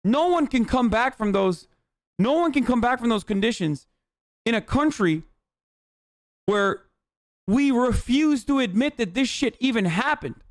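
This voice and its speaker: A man's voice: extremely high pitch, animated, measured pace, pauses often, dry recording, clean studio sound. A male livestream host on a heated, profane rant, talking angrily and with heavy emphasis.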